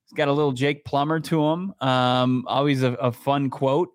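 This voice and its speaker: Male co-host, middle pitch, casual musing sports talk, dry sound. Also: fairly even intonation, normal speed, no room sound. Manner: thinking aloud, restarts, hedging. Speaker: podcast co-host. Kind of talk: casual sports podcast chat.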